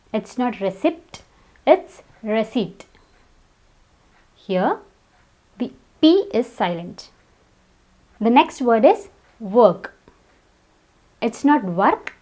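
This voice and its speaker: A woman giving a scripted pronunciation lesson, saying each word slowly and deliberately and repeating it for contrast. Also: a little high. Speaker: English pronunciation teacher.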